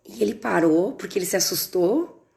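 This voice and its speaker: A middle-aged woman, teaching a live online class and telling a story with lively emphasis. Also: mid-range voice, normal speed, creaky. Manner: animated, acts out dialogue with strong emphasis. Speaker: course instructor on a livestream.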